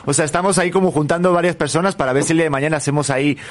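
A man's voice: on the high side, steady tone, very fast. A young adult man, hosting an interview in a friendly, agreeable way. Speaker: interview host. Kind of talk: casual interview chat.

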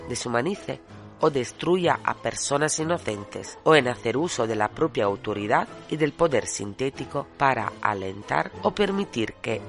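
Lively man explaining. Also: mid-range voice. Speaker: host of an educational psychology video. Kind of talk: scripted explanatory narration.

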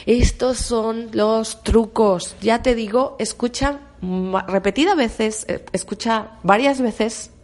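A woman's voice: fairly high pitch, takes it slowly, darkish tone. Encouraging woman podcaster. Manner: encouraging, repetitive, speaks directly to the listener. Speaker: podcast host. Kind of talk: motivational self-help podcast.

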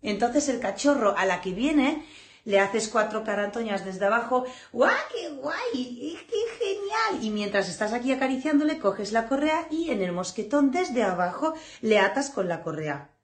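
A fairly high-voiced woman leads a dog training class. She talks in an animated, blunt way, swears freely and acts out the scenes she describes. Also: moderate pace. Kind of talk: lively spoken lesson.

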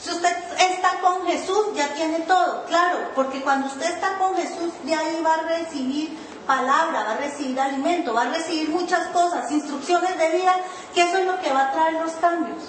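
A woman's voice: very high voice, moderate pace, slight background noise. A woman pastor preaching a sermon, telling her own story and acting out her pleading in a sing-song whine. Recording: echoey room, voice from far off.

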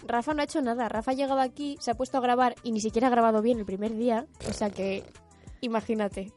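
Young woman on a podcast, teasing and laughy, slightly high voice, faint music. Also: fairly even intonation, quick pace, darkish tone. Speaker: podcast co-host. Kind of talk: casual chat.

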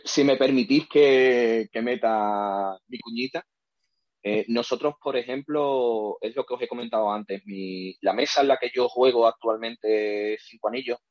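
A man, talking in a halting, rambling way full of fillers on a podcast. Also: lowish voice, a little mellow, no echo. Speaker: podcast guest. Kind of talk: casual podcast discussion. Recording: dull, dry lo-fi sound.

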